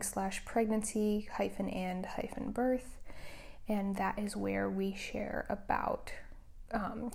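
A woman hosting a casual solo podcast, talking softly in a hushed near-whisper at home so that someone in the next room is not disturbed. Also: medium pitch, gravelly. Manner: soft, hushed near-whisper to keep quiet. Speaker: podcast host.

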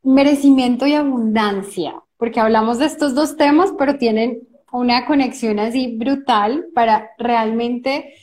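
A woman's voice: fairly high pitch, unhurried, darkish tone, a little hiss or hum. A woman, hosting a podcast, telling a personal story in a chatty way and quoting her own thoughts. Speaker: podcast host. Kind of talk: casual podcast conversation.

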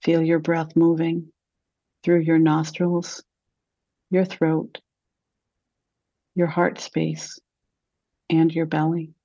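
A woman guides a meditation in a slow, gentle voice with long pauses. Her tone is mellow and her pitch stays flat and even. The recording is dry and a little dull. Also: dry recording.

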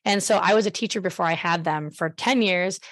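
A woman's voice: lowish voice, fairly quick, a bit bright, dry recording. A middle-aged woman talking casually and enthusiastically as a podcast host, with a friendly, emphatic delivery. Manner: friendly, emphatic, direct address to listeners.

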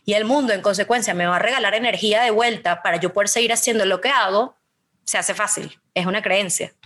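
Expressive woman telling her story. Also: medium pitch, quick pace. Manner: expressive storytelling, acting out quoted voices. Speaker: guest. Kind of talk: conversational interview.

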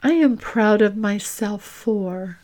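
A woman guides listeners through a reflection in the style of a podcast host, speaking gently and deliberately at a medium pitch. She leaves long, thoughtful pauses between her words.

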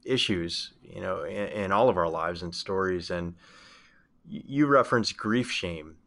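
A man's voice: low voice, measured pace, creaky, a bit bright. A man hosting an interview, asking a question hesitantly with restarts and a personal story. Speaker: interviewer and host.

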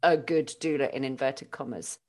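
A woman's voice: extremely low pitch, moderate pace, darkish tone. A woman hosting a casual, conversational interview, sharing her own thoughts as well as asking questions. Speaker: interviewer, fellow doula.

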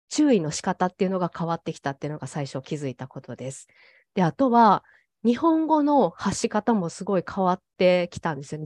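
A woman guest talking thoughtfully about her coaching, pausing often with fillers. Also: lowish voice, a little mellow, no echo. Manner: thoughtful, pauses with frequent fillers. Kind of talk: casual interview talk.

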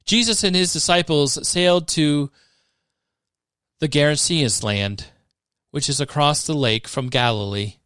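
A man reads scripture aloud in a measured, expressive way, lifting his voice at the dramatic moments. His voice sits a little high, and the sound is close and dry with no room echo. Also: clean tone. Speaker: scripture reader. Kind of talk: scripted Bible reading.

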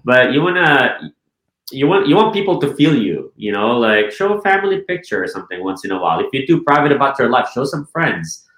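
A man's voice: medium pitch, sing-song, brisk, fairly bright tone, roomy sound, low-quality recording. A man from the Philippines, a real estate team leader, talks casually in an interview, often checking with "right?" and restarting his sentences. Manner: repeats words and restarts, asks "right?" often.

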